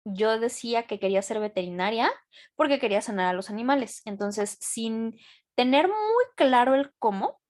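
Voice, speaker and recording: A woman's voice: a little high, expressive, moderate pace, a little mellow. A young adult woman with a Mexican accent hosting a casual class, talking with enthusiasm and plenty of slang. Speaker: host of a membership session.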